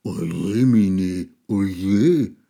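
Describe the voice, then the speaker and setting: A man voicing a huge, grumpy male garbage monster in a children's story, with a deep voice and a slow, bewildered way of speaking. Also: creaky, warm tone, exaggerated voice. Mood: dismayed.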